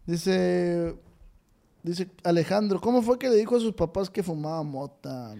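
Mexican podcast host, higher mellow voice. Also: male voice, measured pace, creaky. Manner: reads listener questions, joking. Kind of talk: casual chat.

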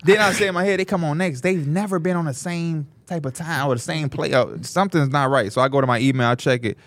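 A man on a podcast telling a story in relaxed slang, his voice sitting a little high. He keeps jumping up into higher voices to quote people and laughs through the telling. The sound is dry and close. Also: quick pace, dry recording. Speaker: podcast co-host. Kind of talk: casual storytelling chat.

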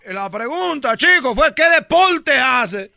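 Man putting on a cocky baseball player, put-on caribbean accent, very high voice, bright and smooth, radio comedy bit. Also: sing-song, takes it slowly, dry recording, faint music behind, exaggerated voice. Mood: teasing. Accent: put-on Caribbean Spanish, dropping the R. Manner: brash, bragging, teasing, chuckling. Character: boastful cocky male baseball player, adult.

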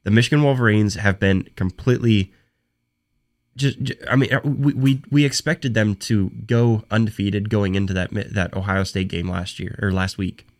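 Alone on his sports talk podcast, a young man speaks in a fairly low, steady voice that a cold has left hoarse and fading. His delivery is unscripted and choppy, full of false starts and doubled words.

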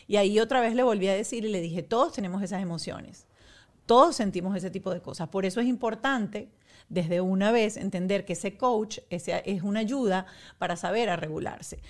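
Woman podcast host, chatty and animated, tells stories about home life. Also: mid-range voice, moderate pace. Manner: animated storytelling, acts out her own exasperation. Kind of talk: casual chat.

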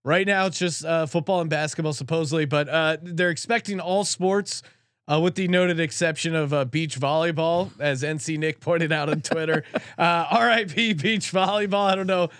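Sports podcast host, male, informal talker with a fairly high voice and very dry sound. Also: steady tone, moderate pace, fairly bright tone, no echo. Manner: chatty, informal. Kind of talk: casual sports betting talk with sponsor reads.

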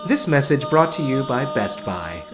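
A man's voice: medium pitch, very animated, moderate pace, close to an everyday voice. An actor playing an eerily cheerful male radio host in an audio drama, sunny and relentlessly upbeat, with faint music behind him. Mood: cheerfully eerie.

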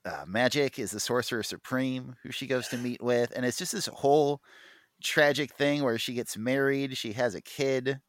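A man co-hosts a podcast, chatting casually and enthusiastically about comic books with plenty of fillers and restarts. His voice is medium-pitched at a moderate pace, recorded in studio quality with no room sound.

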